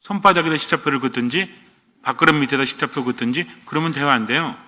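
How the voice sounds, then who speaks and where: Bright-voiced priest in an echoing church. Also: male voice, mid-range voice, fast talker. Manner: asks the congregation questions and answers them himself. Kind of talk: sermon. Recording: long church reverb.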